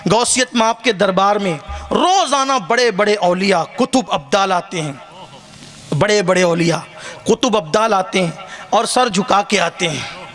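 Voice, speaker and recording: High, bright impassioned male preacher. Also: faint music behind. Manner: impassioned, rising to shouted climaxes; jokes with the crowd. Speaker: religious orator. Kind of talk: sermon at a religious gathering. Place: outdoor religious gathering with listeners.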